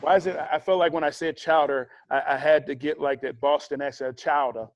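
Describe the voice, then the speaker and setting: A man leading a casual cooking demonstration, chatty and relaxed, explaining each step with fillers and friendly asides. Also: fairly high pitch, brisk, dry recording, highs cut off. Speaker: cooking instructor.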